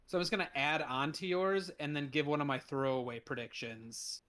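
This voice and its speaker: A man's voice: on the high side, fairly even intonation, fairly quick, a bit bright. A young man co-hosting a casual fan podcast, rambling through his ideas with jokes and casual swearing. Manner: rambling, jokey, casually profane. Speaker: podcast co-host. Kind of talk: casual chat.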